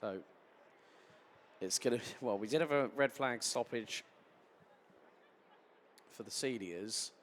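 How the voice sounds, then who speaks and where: A man commentating live on a kart race, turning excitable at incidents and chatty in between. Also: mid-range voice, takes it slowly, long pauses, a little hiss or hum. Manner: excitable, rising sharply at incidents then settling into chatty explanation.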